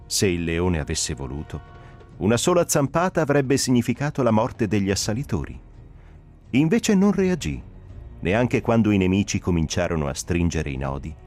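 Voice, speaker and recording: Male narrator, low voice, lively expressive reading, soft music behind. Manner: expressive, varied delivery. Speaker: narrator reader. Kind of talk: dramatic audiobook reading.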